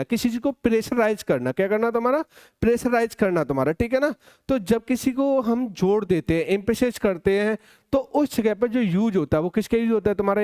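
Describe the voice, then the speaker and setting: A man with an Indian accent teaches an exam-prep grammar lesson, asking and answering his own questions and slowing down to dictate example sentences. His high voice is smooth with a darkish tone, recorded dry at studio quality.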